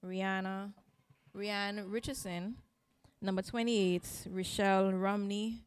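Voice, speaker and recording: A woman's voice: mid-range voice, takes it slowly, clean tone. A woman co-commentator at a football match reading out the team lineup, with the odd filler. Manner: flat reading with small fillers.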